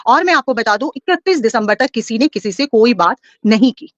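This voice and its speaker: A woman's voice: a little high, lively intonation, moderate pace, no room sound, dull audio. A woman in a heated live-stream debate, defensive and repeating herself as she talks over others. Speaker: YouTuber guest on a live panel.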